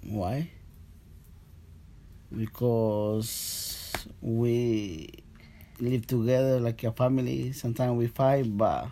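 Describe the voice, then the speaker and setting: A man's voice: mid-range voice, fairly even intonation, very slow, pauses often, dark tone, a little hiss or hum. A man in his forties being interviewed, giving short, hesitant answers. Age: 40s. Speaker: interviewee, father.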